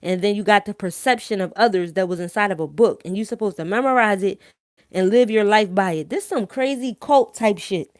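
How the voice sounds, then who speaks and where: A live-stream host speaks to her viewers in a mid-range voice at a slightly fast pace, recorded with clean studio sound and no room sound. Her thick Philadelphia accent drives informal, opinionated talk that's blunt, emphatic, slangy and full of swearing. She often uses tag questions to check they follow.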